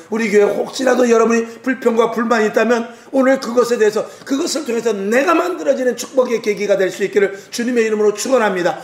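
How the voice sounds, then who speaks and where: Man preaching in church, highish voice, lots of room echo, acts out little scenes. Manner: exhorting, acts out biblical dialogue, jokes. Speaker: pastor. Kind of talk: Wednesday sermon. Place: church sanctuary. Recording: echoey church hall.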